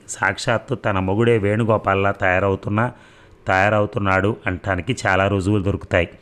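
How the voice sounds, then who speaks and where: Low-voiced male storyteller. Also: a bit bright. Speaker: audiobook narrator. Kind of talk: scripted narration of a novel.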